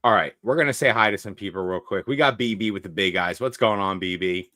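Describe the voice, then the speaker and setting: A young man with a low, bright-edged voice hosts a casual livestream podcast, loudly joking and shouting out viewers in the chat. His sound is dry and close on a desk streaming mic. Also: quick pace, no echo. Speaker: podcast co-host.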